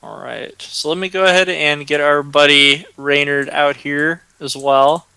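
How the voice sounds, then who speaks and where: A man narrating a tabletop game as game master, unhurried and full of ums and uhs. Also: a little high, vocal fry, bright, forceful tone, clear, resonant tone, dry recording, rough recording.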